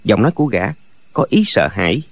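A man narrating a martial-arts novel as an expressive audiobook reader. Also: on the low side, fast, husky, dry recording. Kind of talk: storytelling narration.

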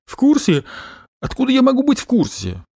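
A man's voice: very high voice, wildly swooping pitch, brisk, warm tone, breathy edge, dry recording, pitched above the performer's own voice, exaggerated voice. Guy doing a fretful young woman, pleading, storybook reading, dry sound. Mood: anxious. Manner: pleading, tearful. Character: young woman, anxious, emotional.

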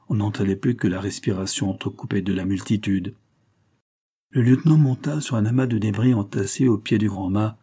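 A man reading a classic novel aloud in a low register, with a dark, mellow tone and a husky edge. His delivery is measured and dramatic. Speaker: narrator.

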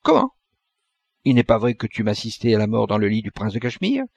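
Man doing young dying man, indignant, pleading questions, gravelly, husky voice. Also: lowish voice, lively intonation, quick pace, a little mellow, no echo, heavily acted. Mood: frantic. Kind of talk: audiobook character reading.

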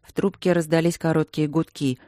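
A man's voice: a little high, fairly even intonation, fairly quick, mellow, no room sound. Man narrating an audiobook, dry sound. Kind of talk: scripted narration.

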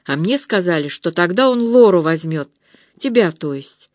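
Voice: mid-range voice, lively intonation, normal speed, no room sound, clean studio sound, lightly acted. A reader voicing a distraught young woman full of guilt and envy, tearful and pleading in an audiobook. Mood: confessing. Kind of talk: audiobook reading.

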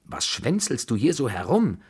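A man's voice: sits low, normal speed. A man voicing a bossy old grandmother. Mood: furious. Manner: scolding, commanding, abrupt. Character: imperious, quick-tempered old Russian grandmother. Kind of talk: radio drama reading.

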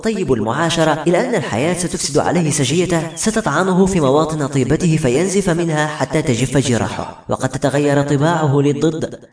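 Man, audiobook narrator, dramatic and expressive, slightly high voice, roomy echo. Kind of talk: audiobook novel reading.

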